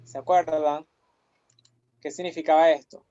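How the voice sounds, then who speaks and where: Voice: medium pitch, little pitch movement, a little slow, dark tone, a little hiss or hum. A language teacher running a pronunciation drill, patiently repeating each syllable several times. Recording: muffled lo-fi audio.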